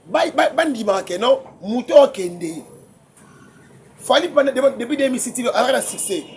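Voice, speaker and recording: A man, debating music as a guest commentator, excitable and quick to laugh, often repeating his words. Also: extremely high pitch, a little hiss or hum. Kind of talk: heated casual debate.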